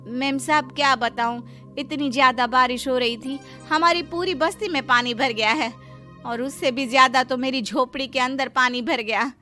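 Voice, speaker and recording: A woman's voice: high-pitched, moderate pace, pushed and bright, soft background music, voice pushed up. A woman voicing a poor, humble maid in a cartoon story, pleading with her employer. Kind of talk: Hindi cartoon story dubbing.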